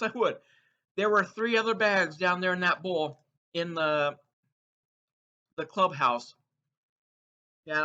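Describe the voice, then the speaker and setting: A man's voice: high voice, sharp tone. A man hosting a casual taste-test vlog, playfully announcing his verdicts while munching crunchy chips between remarks. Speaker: food taste-test reviewer and host. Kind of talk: casual snack review vlog to viewers. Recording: dull, muffled lo-fi sound.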